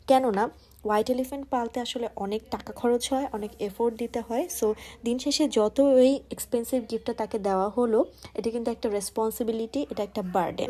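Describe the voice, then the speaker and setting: A woman's voice: fairly high pitch, warm tone. A woman explaining a short story to viewers in a lesson, mixing English words into her talk and speaking to them directly. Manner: mixes English words into Bangla. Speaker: literature teacher.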